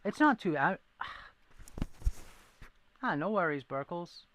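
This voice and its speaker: Hosting a relaxed livestream, this New Englander from near Rhode Island rambles, pokes fun at himself and answers viewers in a thin Boston accent. He speaks very slowly in a high, sing-song, slightly bright voice, over a little hiss or hum.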